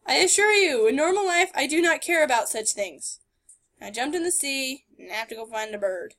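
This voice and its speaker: A woman's voice: high-pitched, expressive, fairly quick. A woman giving casual, playful and sarcastic commentary as she plays a game. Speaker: gamer narrating a playthrough. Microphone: screen recording voice-over.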